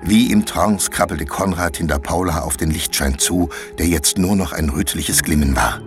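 A man narrating a children's audiobook with expressive storytelling, voicing each character himself. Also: sits low, moderate pace, over music.

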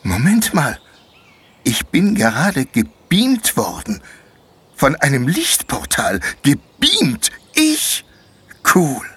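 A man's voice: on the high side, wildly swooping pitch, takes it slowly, a bit bright, slightly rough, voice pushed up, heavily acted. Man doing a flustered, bewildered schoolboy. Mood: amazed. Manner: flustered, exclaiming, sarcastic. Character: anxious, bewildered schoolboy dragged into an adventure.

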